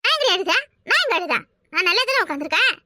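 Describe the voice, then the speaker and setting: A woman voicing a brash, quarrelsome village woman in a cartoon, talking loudly and boastfully. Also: very high-pitched, sing-song, quick pace, dry recording, clean studio sound, full character voice. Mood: defiant. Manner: loud, boastful, argumentative. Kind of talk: cartoon voice acting.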